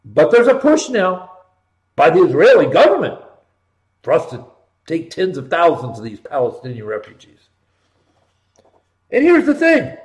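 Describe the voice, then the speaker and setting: A fairly high-voiced American man rants through a political monologue as a talk show host. He hammers points by repeating short phrases, swinging from loud outbursts to quieter asides. The sound is noticeably roomy and echoing. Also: huge pitch swings, moderate pace, long pauses. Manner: emphatic, punchy repetition with swings from loud to hushed. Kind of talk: impassioned political monologue, ranting.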